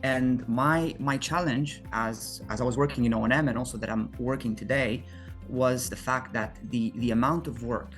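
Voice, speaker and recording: A man's voice: mid-range voice, steady tone, normal speed, a bit bright, soft background music. A man from Romania, answering interview questions in an earnest, explanatory way with frequent restarts. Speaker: guest, solar company founder.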